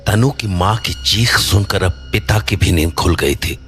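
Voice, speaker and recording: A man narrating a scripted horror story in a measured, suspenseful way. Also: sits low, fairly bright tone. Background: background music.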